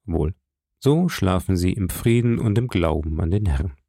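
A man reading an audiobook, voicing a dignified count who speaks in a measured, gently persuasive way. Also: low voice, expressive, creaky, no echo, studio quality, exaggerated voice. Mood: solemn. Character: dignified aristocratic older count, calm and kindly. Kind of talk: audiobook character voice.

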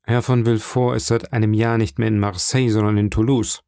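A man voicing a measured, businesslike male prison inspector in an audiobook reading. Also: lowish voice, level tone, vocal fry, dark tone, clear, resonant tone, no echo, studio quality. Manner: matter-of-fact, businesslike.

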